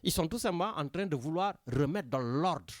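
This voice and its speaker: A man's voice: fairly high pitch, expressive, normal speed, no echo. A man with a Senegalese French accent hosting a talk radio show from a studio, talking animatedly and often turning to his co-host by name. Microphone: studio microphone.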